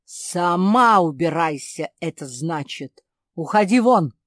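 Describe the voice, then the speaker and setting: A woman voicing a pompous, bullying male dog father who shouts harshly. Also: lowish voice, takes it slowly, no room sound, studio quality. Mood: angry.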